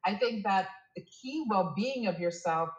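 A woman's voice: mid-range voice, lively intonation, a little slow, echoey room, dull audio. A woman from Toronto talking earnestly as a podcast guest, emphatic and repeating her points. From Toronto, Canada. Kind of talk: casual interview talk.

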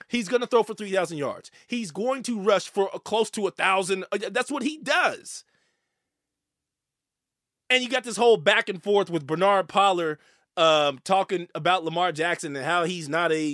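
High-voiced guy ranting sports takes, gets worked up and stammers, dead dry mic. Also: pushed and bright, dry recording. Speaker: sports show host. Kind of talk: opinionated sports commentary.

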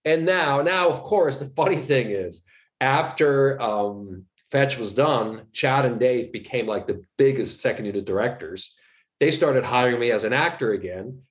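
A man from Switzerland, an actor appearing as an interview guest, speaks in an unhurried mid-range voice with a Swiss German accent. He's a vivid storyteller who chats casually and acts out quoted dialogue.

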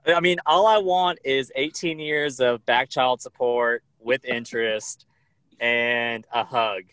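Man, bright forceful voice, dry sound, deadpan podcast banter. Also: medium pitch, takes it slowly, smooth, no room sound, rough recording. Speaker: podcast co-host. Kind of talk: casual chat.

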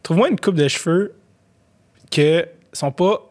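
A man's voice: on the high side, animated, unhurried. A man with a Québécois French accent in casual podcast chat, rambling with many fillers and restarts.

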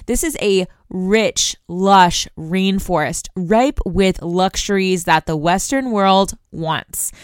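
A woman's voice: on the low side, a bit bright, smooth, no room sound, clean studio sound. A young woman from the United States hosting a news podcast, explaining a story in a conversational way and talking straight to her listeners. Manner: conversational, addresses listeners directly.

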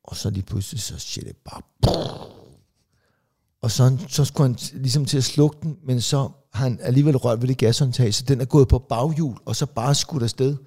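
A comedian co-hosting a podcast, telling rambling family anecdotes full of fillers and restarts. He briefly acts out relatives in quick, raised voices. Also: mid-range voice, mellow, husky. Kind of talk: casual chat, storytelling.

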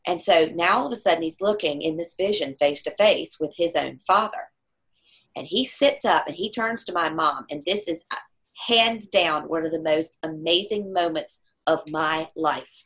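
A woman's voice: low-pitched, moderate pace. A middle-aged woman telling a personal story in conversation, acting out the voices of the people she quotes. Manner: animated storyteller who acts out quoted voices.

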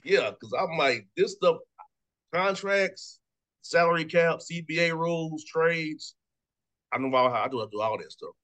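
A man in his thirties, a sports radio host, talking fast and casually, repeating words and laughing often. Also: on the high side, animated, fairly bright tone. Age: 30s. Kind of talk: casual sports talk interview.

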